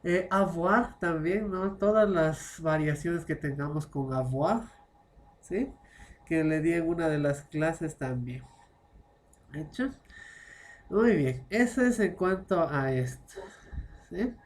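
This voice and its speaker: Slow, low-voiced woman teaching French. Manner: checks understanding with constant short tag questions; explains patiently, mixing French phrases into Spanish. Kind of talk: online language class.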